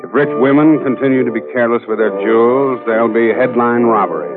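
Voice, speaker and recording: An actor playing a heavyset, hard-boiled male detective who narrates in a steady, dry first-person way, in 1940s radio acting. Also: mid-range voice, fast talker, close to an everyday voice. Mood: measured. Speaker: narrator and lead. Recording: tinny old radio broadcast with music.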